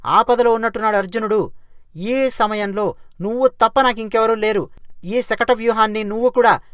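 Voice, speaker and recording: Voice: medium pitch, steady tone, normal speed, a bit bright, clear, resonant tone, dry recording, clean studio sound, close to an everyday voice. A storyteller voicing a worried elder king who urgently pleads with a trusted warrior for help, in a retold epic. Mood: urgent pleading. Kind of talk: storytelling narration with acted quotes.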